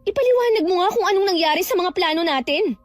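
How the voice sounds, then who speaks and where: Extremely high-pitched and lively in intonation, this woman speaks at a quick pace in a dry recording with soft music underneath. In character as a young woman who worked abroad and was cheated out of her home, she's furious, confronting her family and yelling accusations.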